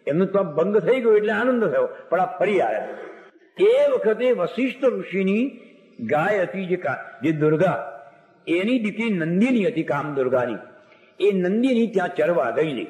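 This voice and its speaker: Guy with a high voice telling old religious stories, big echoey hall, long reverb. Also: moderate pace. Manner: lively, animated retelling of scripture tales. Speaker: religious storyteller. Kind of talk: devotional story discourse.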